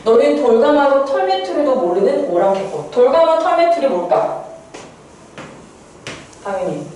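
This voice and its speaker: A woman's voice: sits high, very animated, moderate pace, warm tone. A woman teacher giving a poetry lesson, who asks questions and answers them herself. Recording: echoey room, far from mic, faint noise.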